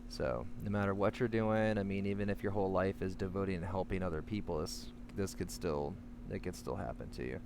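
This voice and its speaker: Outdoors, a low-voiced man in the middle of a panic attack talks candidly to camera, sharing his advice for coping with panic. Though anxious, his tone stays steady while his delivery is halting and rambling, trailing into self-corrections. The recording is clearly noisy, with a humming background.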